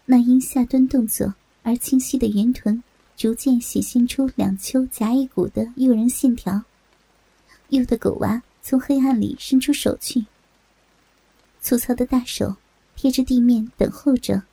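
A woman narrating a story in a steady, even storytelling voice. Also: on the high side, gravelly, breathy edge, dry recording, poor audio.

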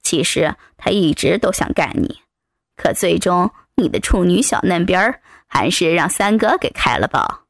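A woman's voice: on the low side, expressive, normal speed, creaky, no echo, clean studio sound, pitched below the performer's own voice. A woman voicing a crude, domineering man who curses and barks orders, dropping far below her own voice. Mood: gruff bullying. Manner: coarse, bullying, swearing. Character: crude domineering male thug, adult man.

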